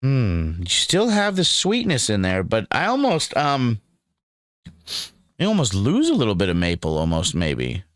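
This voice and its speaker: A man's voice: on the low side, wildly swooping pitch, a little slow, no echo, clean studio sound. A laid-back young man giving a rambling, casual review to camera, calling the viewer dude and man. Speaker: cannabis strain reviewer.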